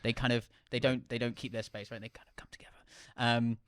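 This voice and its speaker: Relaxed man chatting on a podcast. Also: mid-range voice, fast, no room sound. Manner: easygoing, laughs often, drops to quiet mutters. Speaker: podcast co-host and filmmaker. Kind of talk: casual chat.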